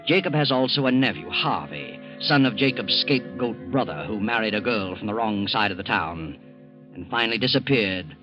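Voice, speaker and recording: A man playing an ominous, all-knowing night storyteller in 1940s American radio mystery narration, theatrical and measured. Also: fairly low pitch. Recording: dull old radio, music behind.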